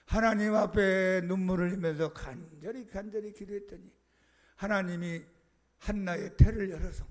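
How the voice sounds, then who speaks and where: A man, a pastor, preaching a sermon with emphatic swings between soft and loud delivery. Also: sits high, fairly even intonation, normal speed. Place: church sanctuary.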